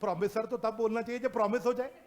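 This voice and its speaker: Man, teacher, classroom lecture, fairly high pitch, mixes Hindi and English, reads legal wording slowly, asks students questions. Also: fairly even intonation.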